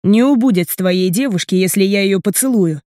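A woman's voice: mid-range voice, fairly quick, mellow, dry recording, studio quality, close to an everyday voice. A woman reading the lines of a cold, commanding man in his late thirties, clipped and stressing each word.

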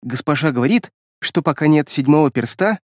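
A man voicing a timid little beast girl who speaks in halting, stammering bursts in an audiobook. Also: fairly high pitch, sing-song, a little mellow, dry recording, clean studio sound.

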